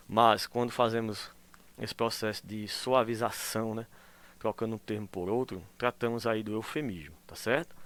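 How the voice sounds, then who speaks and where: In a mid-range voice, a male teacher gives a recorded lesson at school, explaining with patience. He keeps checking in with tag questions and lively acts out the example phrases.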